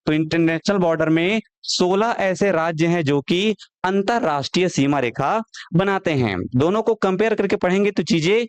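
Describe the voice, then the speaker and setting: Man, exam tutor, high voice, dry close mic, repeats facts. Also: moderate pace, clear, resonant tone, dry recording. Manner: asks questions and answers them himself, repeats key facts. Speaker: exam-prep teacher. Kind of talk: online classroom lecture.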